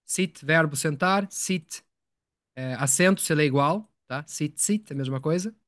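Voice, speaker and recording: A man's voice: fairly high pitch, a little slow, fairly bright tone, dry recording, clean studio sound. A man teaching English in a live online lesson, explaining patiently, repeating words and asking his students questions.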